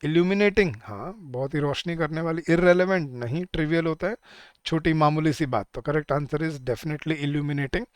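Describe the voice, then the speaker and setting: A man teaching an exam-prep lesson, explaining in a mix of Hindi and English and reading English sentences slowly. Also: on the high side, clear, resonant tone, no room sound. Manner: explains in Hindi mixed with English, often addressing viewers as guys.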